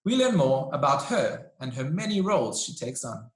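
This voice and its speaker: A male presenter reading a lively scripted introduction. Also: medium pitch, moderate pace, reverberant, slight background noise. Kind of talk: scripted narration.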